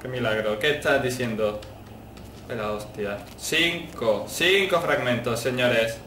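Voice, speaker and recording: A man from commenting casually on a horror game, excitable, swearing and yelling at it. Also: medium pitch, unhurried, echoey room, far from the mic, a little hiss or hum. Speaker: gameplay commentator.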